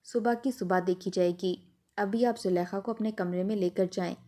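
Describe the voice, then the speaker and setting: A woman's voice: medium pitch, fairly even intonation, mellow, natural voice. A woman voicing an angry, protective older brother in a storybook narration, blunt and commanding.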